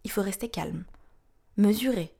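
A woman's voice: mid-range voice, measured pace, vocal fry, mellow, slightly rough. A woman in her thirties hosting a podcast, reading scripted narration in a frank, wry, confiding way. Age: 30s. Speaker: podcast host.

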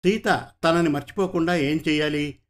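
A man reads a storybook aloud, narrating in an even, measured way. His voice sits a little higher than most men's. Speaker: story reader.

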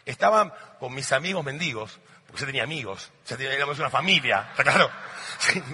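A man's voice: mid-range voice, lively intonation, fast, in a large hall, slight background noise. A middle-aged man with an Argentine accent, giving a motivational talk full of stories and constantly checking in with "¿sí?". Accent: Argentine Spanish. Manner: storytelling, dramatic swings in loudness, constant "¿sí?" checks. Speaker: motivational speaker. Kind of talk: motivational talk to a live audience.

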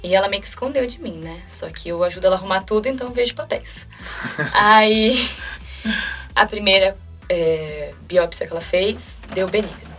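A young woman in her twenties with a Brazilian Portuguese accent, a guest telling a personal story quickly and emotionally and acting out quoted dialogue. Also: mid-range voice, a bit bright. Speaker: interview guest. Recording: mic at a distance, faint music.

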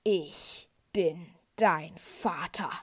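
A woman voicing a cold, commanding male dark lord who speaks slowly and deliberately in a lowered voice. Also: husky, exaggerated voice. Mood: grave. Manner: slow, low, deliberate.

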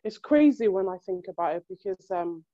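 An animated woman talks casually, throwing herself into her stories and acting out other people's lines with exasperation. Her voice is mellow and relaxed. The sound is dry and a little dull. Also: mid-range voice, a little fast, dry recording. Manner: animated, exasperated storytelling with acted-out quotes. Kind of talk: casual chat.

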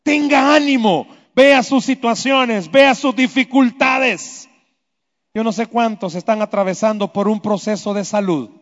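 A man preaching a sermon, swinging between loud emphatic lines and hushed low ones. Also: measured pace. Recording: echoey hall, dull lo-fi sound.

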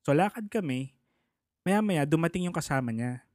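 Man telling a story with animated quotes. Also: on the high side, moderate pace, dry recording, studio quality. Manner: animated, acts out the people he quotes. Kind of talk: casual storytelling chat.

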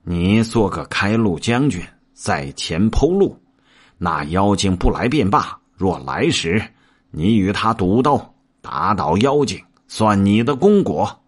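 A man's voice: on the low side, big pitch swings, slow, slightly rough, full character voice. A man voicing a clever, teasing monkey monk in a told story. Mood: mocking. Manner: teasing, chuckling.

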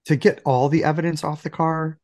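A man with a gravelly voice, still recovering from illness, chatting casually as a podcast co-host. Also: on the high side, little pitch movement, a little fast, darkish tone, no room sound, clean studio sound. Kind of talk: casual banter.

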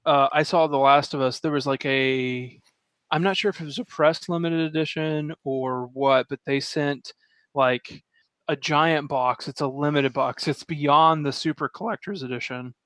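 A man with a fairly high voice chats on a podcast, drifting between thoughts and laughing as he goes. His voice sits close and dry on the mic, with no room sound at all. He tends to trail off and restart his sentences. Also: steady tone, normal speed, fairly bright tone, no echo. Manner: rambling, laughs often, trails off mid-thought. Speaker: podcast co-host. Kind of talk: casual podcast chat.

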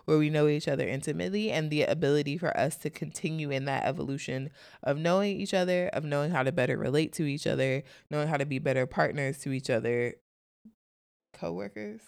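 A woman's voice: low-pitched, quick pace, darkish tone, clean tone, no room sound, clean studio sound. A young woman co-hosting a podcast, playful and teasing in casual chat. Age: young adult. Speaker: podcast co-host.

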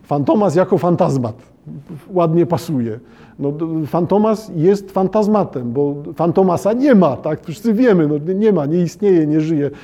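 Guy lecturing on literature, kinda high but really dark mellow voice, lots of uh pauses. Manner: halting, with frequent "e" hesitations and restarts; addresses listeners formally and checks understanding.

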